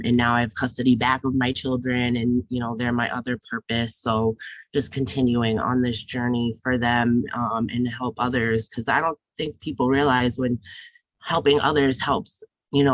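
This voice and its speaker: A woman's voice: very deep voice, no echo, low-quality recording. A woman recovery specialist sharing her personal story earnestly on a video call. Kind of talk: online workshop share.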